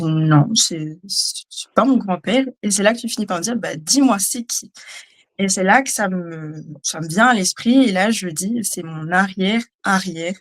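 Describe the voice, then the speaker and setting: A woman recounts a personal experience as a guest. She speaks haltingly, repeating words and pausing on fillers, her voice at a middle pitch. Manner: hesitant, halting, many fillers. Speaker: guest, trainee. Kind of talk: personal testimony.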